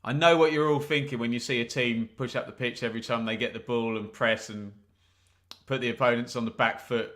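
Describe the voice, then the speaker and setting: He's an Englishman commentating live on football for a watch-along, chatting with viewers and slipping in jokes and asides. The voice is mid-range and a little bright, with fairly even intonation and a slightly quick delivery.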